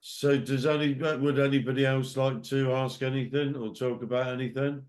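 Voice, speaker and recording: British man host, chatty and informal, prone to halting restarts. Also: mid-range voice, little pitch movement, a little mellow. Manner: friendly, informal, hesitant restarts. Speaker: group call host. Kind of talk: casual group call chat.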